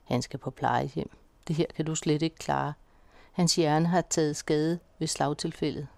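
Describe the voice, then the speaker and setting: A woman's voice: sits low, fairly even intonation, gravelly, darkish tone, no room sound. Firm, reassuring young woman, read by a woman, dry close sound.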